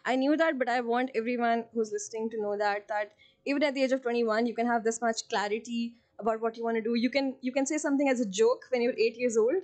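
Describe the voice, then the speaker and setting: A woman from Pakistan hosting a casual podcast interview, animated and teasing, laughing often. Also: a little high, fast talker. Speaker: podcast host.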